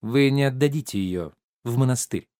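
A man voicing a sharp-tongued, cheeky female maid in a play reading, teasing and contrary. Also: mid-range voice, moderate pace, no room sound, studio quality, close to an everyday voice. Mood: pert. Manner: pert, teasing, stubbornly contrary.

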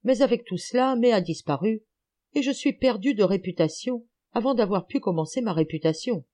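A woman's voice: mid-range voice, lively intonation, brisk, mellow, lightly acted. A woman reading an audiobook, voicing a young male policeman who speaks politely and doubtfully. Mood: earnest. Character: young wary male policeman, modest and earnest.

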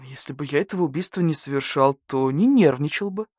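A woman's voice: medium pitch, very animated, normal speed, a little mellow, slightly rough, dry recording, clean studio sound, voice pushed up. A woman voicing a stern male badger-cat detective who questions a suspect in a cold, suspicious tone.

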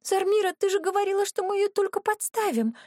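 A woman voicing a timid, frightened young girl companion with a squeaky, pleading voice. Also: fairly quick, a little mellow, dry recording, clean studio sound. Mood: squealing.

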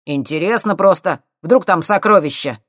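A brash, scruffy young crook mouths off at a pair of scholars in this audiobook scene, as a male narrator puts him on. His voice sits high and runs loud and cocky, in a dry, close recording. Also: normal speed, dry recording.

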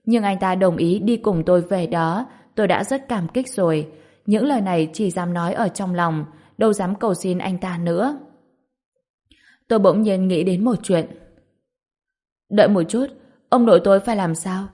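A woman reading a first-person story as an audiobook in a steady, plain storytelling manner. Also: lowish voice, moderate pace. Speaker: narrator.

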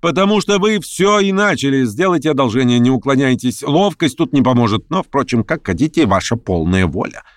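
Brief: scheming young man, pushy and sharp, voice pitched up and swinging wide, a male reader acting him. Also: sing-song, normal speed, no room sound, clean studio sound. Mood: needling. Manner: insistent, needling, raised voice.

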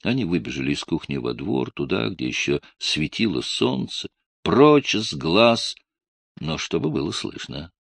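A man narrating an audiobook in an expressive storytelling manner. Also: low voice, a little slow, vocal fry, breathy edge, dry recording.

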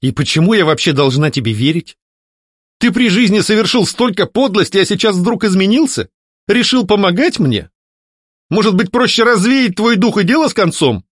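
A man's voice: sits high, lively intonation, moderate pace, dry recording, studio quality, pitched above the performer's own voice. A man voicing a young countess who questions and commands firmly. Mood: angry. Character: young widowed countess, sharp and firm.

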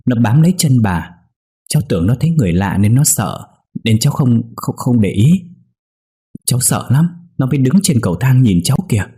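A man's voice: medium pitch, expressive, a little fast, dark tone, breathy edge, voice pushed up. A man doing a frightened, stammering young tenant. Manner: shaky, stammering.

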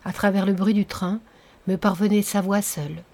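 A woman narrates a classic novel for an audiobook. Her voice is mellow and warm, and she keeps a measured, even storytelling pace. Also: medium pitch.

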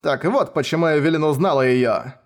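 A high, strained voice for a fussing young detective who makes a drama of every scratch, as a male reader puts him on. He pleads and wails in a nasal-tight register well above the reader's own. He sounds like an audiobook character. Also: fairly quick, natural voice. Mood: excited. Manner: overwrought, pleading. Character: melodramatic young male detective, wounded, whining.

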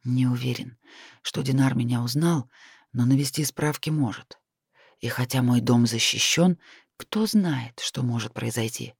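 A man reading an audiobook voices a calm, secretive male necromancer who speaks in a hushed, measured way. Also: mid-range voice, gravelly, slightly rough, dry recording, clean studio sound, pitched below the performer's own voice.

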